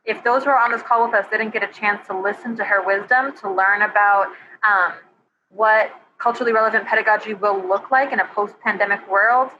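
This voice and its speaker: A woman's voice: mid-range voice, steady tone, brisk, pushed and bright. A woman moderating a live webinar, reading out episode titles and audience questions in a friendly, organized way. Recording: dull lo-fi audio with faint background noise.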